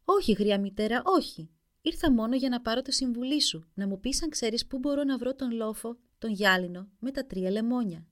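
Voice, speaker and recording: A woman's voice: fairly high pitch, expressive, voice pushed up, natural voice. A woman voicing a young prince who is earnest and a little timid, speaking eagerly. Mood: pleading.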